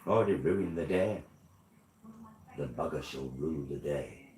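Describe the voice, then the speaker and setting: A man's voice: rumbling low, measured pace, darkish tone. A British man chatting casually as host of a live stream, in the campy, theatrical, endearing manner of a drag queen. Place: indoor room, live make-up stream. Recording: roomy echo, clear background noise.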